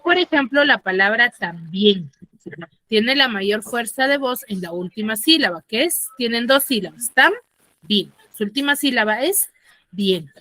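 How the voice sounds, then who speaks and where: A woman's voice: fairly high pitch, bright, forceful tone, no echo. A woman teaching an online class, explaining step by step and checking in with her students. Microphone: computer mic on a video call.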